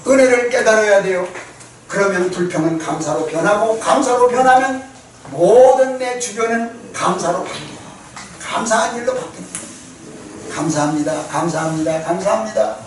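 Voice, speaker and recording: A man's voice: sits high, lively intonation, normal speed, slight background noise. A male pastor giving a sermon, asking the congregation questions and acting out quoted spouses. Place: church. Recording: echoey church hall from far off.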